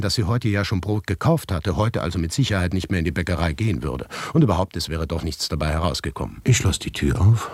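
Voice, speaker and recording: A man's voice: deep voice, a little mellow, dry recording. A man narrating a radio play in the first person, tense and sometimes dropping into whispers.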